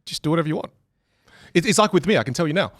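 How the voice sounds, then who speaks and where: Talking very fast in a fairly high-pitched voice, a man with an Australian accent edging toward British chats as a podcast guest about communication. He's animated and acts out other voices, and the clean studio recording has no room sound.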